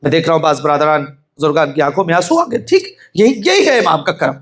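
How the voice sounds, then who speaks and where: Male preacher for a mourning sermon. High voice that swoops widely, hushed in the telling and shouting the key lines, with constant calls for attention. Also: animated. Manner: impassioned, swings from hushed storytelling to shouted emphasis; keeps urging listeners to pay attention. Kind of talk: Shia majlis sermon.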